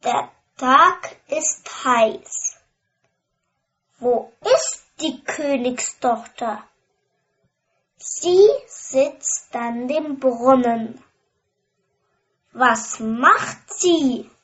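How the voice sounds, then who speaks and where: A woman reads a simple fairy tale for learners at a very slow, careful pace. Her voice is high and bright. She asks and answers her own simple questions, and the recording sounds slightly dull. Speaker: reader of a graded story. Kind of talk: slow storybook reading for learners.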